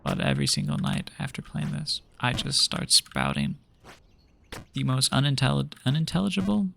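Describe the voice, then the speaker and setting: Young man, gravelly voice, streamer, casual rambling chat, lots of fillers, home desk mic. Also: mid-range voice, huge pitch swings, moderate pace, sharp tone, a little hiss or hum. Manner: rambling, laid-back, many fillers and restarts. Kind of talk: casual chat while gaming.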